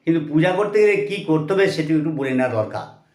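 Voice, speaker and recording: A man teaching a religious lesson who chants Sanskrit mantras slowly, then explains them line by line and firmly corrects common mistakes. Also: a little high, animated, darkish tone, echoey room.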